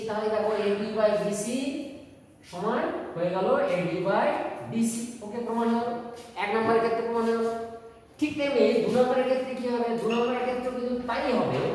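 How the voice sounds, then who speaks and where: A woman's voice: a little high, mellow. A woman teaching a math class, explaining step by step and checking in with her students. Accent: Bengali. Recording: echoey room from far off, faint noise.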